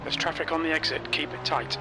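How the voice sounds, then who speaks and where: A man's voice: a little high, steady tone, fairly quick, heavy background noise. A man as race engineer giving terse pit radio calls in clipped, matter-of-fact callouts. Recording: loud race car engine behind.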